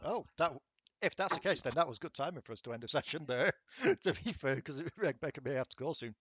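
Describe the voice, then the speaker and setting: A man's voice: fairly high pitch, expressive, fast talker, fairly bright tone, slightly rough, no echo, muffled recording. A man running a tabletop game, chatting casually with laughs and swearing as he wraps up the session. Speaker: dungeon master.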